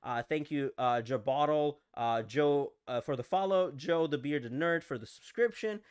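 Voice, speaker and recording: A young adult live-stream host in casual chat with viewers, playful and animated, often repeating short phrases. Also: mid-range voice, moderate pace, clean tone. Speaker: livestream host.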